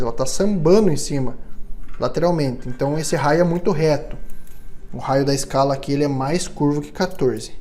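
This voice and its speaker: A man's voice: a little high, warm tone. Man patiently teaching guitar setup. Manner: patient, step-by-step, frequent check-in tags. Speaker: luthier instructor. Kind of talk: hands-on tutorial demonstration.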